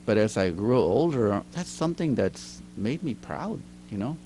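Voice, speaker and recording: A man's voice: fairly low pitch, big pitch swings, normal speed, dark tone, a little hiss or hum. A middle-aged man, a teacher and writer, telling stories as an interview guest in a chatty way, often laughing. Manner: chatty, laughs often, acts out quoted lines. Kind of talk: casual storytelling interview. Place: recording studio.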